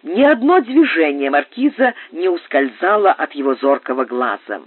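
Husky male narrator, lively pitch. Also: normal speed, dry recording. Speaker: audiobook narrator. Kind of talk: scripted narration. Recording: dry, phone-like narrow sound.

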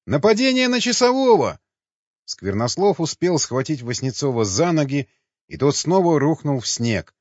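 A man narrating an audiobook in a dramatic, expressive way. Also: medium pitch, moderate pace, no room sound. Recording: dull, slightly lo-fi dry recording.

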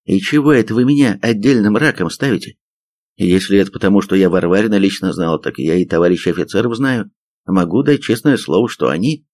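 A man's voice: low-pitched, a little fast, a little mellow, no echo. A man voicing a stubborn young male soldier who grumbles in an audiobook.

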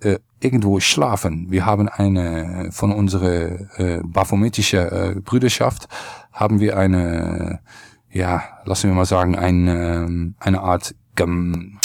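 A low-voiced man speaks with a Dutch accent and a lot of fry in a very dry sound. He is polite and hesitant, feeling his way deadpan through an enquiry as a podcast prankster. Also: takes it slowly, dry recording. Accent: Dutch accent in German. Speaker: podcast host making a prank phone call. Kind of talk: deadpan, halting phone enquiry.

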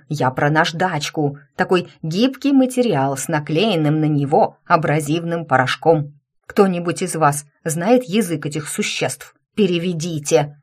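A woman putting on a grumpy middle-aged tomcat, a fallen rector who grumbles and whines in a deep, heavy voice. he sounds irritable and sorry for himself, the kind of cranky storybook professor who never admits fault. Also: unhurried, darkish tone. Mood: grumbling. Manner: grumbling, irritable, self-pitying.

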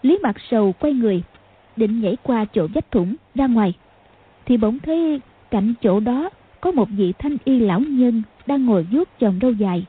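A woman narrating a martial arts novel as an audiobook, with a steady, measured reading. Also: a little high, slightly rough. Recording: phone-like lo-fi sound.

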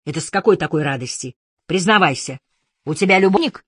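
Woman reading jealous husband, demanding, accusing, lowish voice, dry audiobook read. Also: lively intonation, a little fast, husky, dry recording. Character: jealous, volatile husband, grown man.

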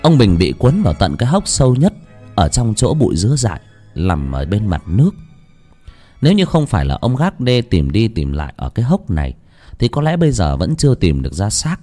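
A man narrating a horror story in a dramatic, expressive way. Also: lowish voice, fairly quick, soft background music.

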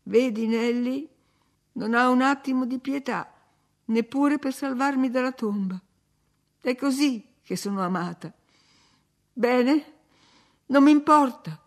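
A woman reading the part of a dying young woman, bitter and passionate, rising to loud, accusing outbursts. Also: high-pitched, fairly even intonation, a little slow, vocal fry, pitched above the performer's own voice.

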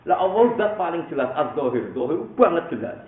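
A man with a Javanese accent giving a relaxed, humorous religious study sermon. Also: on the high side, a little fast. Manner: casual, humorous, mixing in regional words. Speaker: Islamic preacher. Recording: echoey phone-like recording, faint noise.

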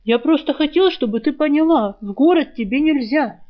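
Woman voicing a snide male talking rat, sharp-tongued, storybook audiobook, fairly high voice, dull lo-fi sound. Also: animated. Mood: mocking. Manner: mocking, spiteful, quick with insults.

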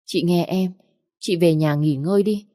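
A woman's voice: on the low side, a little slow, warm tone, no room sound, studio quality, close to an everyday voice. A woman reading a story aloud, voicing a spoiled young woman who cries on cue and pleads in a whiny voice. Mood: sugary coaxing.

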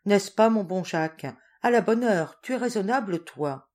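A woman's voice: mid-range voice, animated, moderate pace, a little mellow, natural voice. Lady reading a sweet earnest teen girl, pleading, voice goes up and down a lot.

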